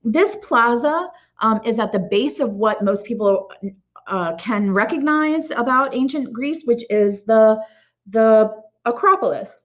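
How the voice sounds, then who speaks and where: A woman's voice: fairly high pitch, animated, a little slow. A woman teacher giving a recorded art history lecture in a casual way, with many ums and restarts. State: has the hiccups.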